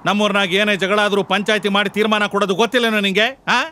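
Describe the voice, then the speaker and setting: A stern village elder scolds in a quick, flat, fairly high voice. His tone is bright and sharp. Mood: scolding. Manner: scolding, commanding. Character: stern village council elder, adult man.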